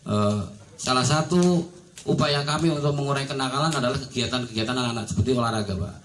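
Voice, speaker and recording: A man's voice: medium pitch, quick pace. A man who heads a neighborhood association, speaking at a community meeting, rambling with many fillers and often addressing the officials present. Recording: echoey room with faint background noise.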